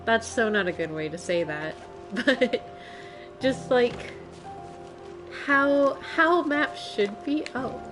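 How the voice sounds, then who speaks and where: Speaking slowly in a fairly high voice, a woman streamer rambles through casual live commentary, thinking aloud and chuckling mid-sentence as loud video game music plays behind her.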